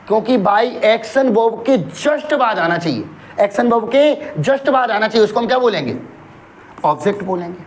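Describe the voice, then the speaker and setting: A man teaching English grammar, firing rhetorical questions at his class, answering them himself and dictating example sentences slowly word by word. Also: high voice, expressive. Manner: asks questions and answers them himself, calls listeners brother.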